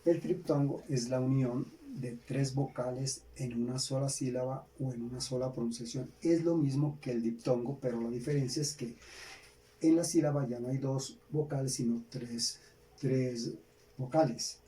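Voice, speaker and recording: A Colombian man teaching a grammar lesson, slowly repeating key words for students to write down. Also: mid-range voice, fairly even intonation, dark tone. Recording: distant mic, faint background hiss.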